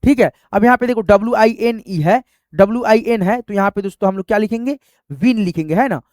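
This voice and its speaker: High-voiced man teaching English spelling. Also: fairly quick, a little mellow, no room sound, clean studio sound. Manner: repeats "doston" and "theek hai", quizzes the viewer; spells words letter by letter. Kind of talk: online classroom lesson.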